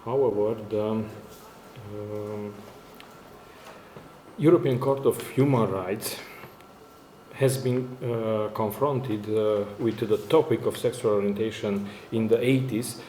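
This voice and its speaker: A Romanian-accented university lecturer gives a formal conference talk in non-native English, his fourth working language, very hesitantly as he searches for words. His voice is lowish, dark and fairly even, slow with frequent pauses, in an echoey room with faint background noise.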